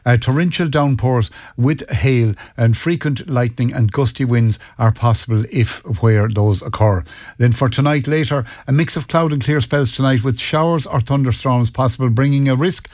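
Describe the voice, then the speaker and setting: A man's voice: mid-range voice, normal speed, a little mellow, no room sound, studio quality. An Irish man presenting on radio, reading forecasts and programme links with some hesitant stumbles. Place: dry radio studio.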